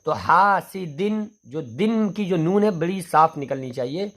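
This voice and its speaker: Man, fairly high voice, Quran reading teacher, step-by-step explanations, slow spelled-out letters. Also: lively intonation, darkish tone. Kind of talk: classroom lesson on Quranic reading rules.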